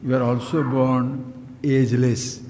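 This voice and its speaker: A man's voice: mid-range voice, level tone, unhurried, mellow, a little hiss or hum. A man, a spiritual teacher giving a discourse, questioning the listeners, repeating his points and voicing their replies. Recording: long hall reverb.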